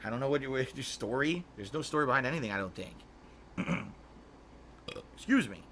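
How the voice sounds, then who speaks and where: A middle-aged man chatting casually on a livestream, reading viewer messages, rambling with frequent restarts and throat clearing. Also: medium pitch, lively intonation, a little fast, fairly bright tone, a little hiss or hum. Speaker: streamer.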